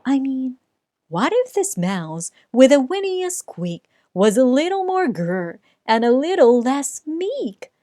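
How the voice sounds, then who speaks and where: Slow, lively woman reading a storybook. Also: sits high, no echo, clean studio sound. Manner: sing-song rhyming delivery with dramatic pauses. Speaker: storybook reader. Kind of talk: children's read-aloud narration.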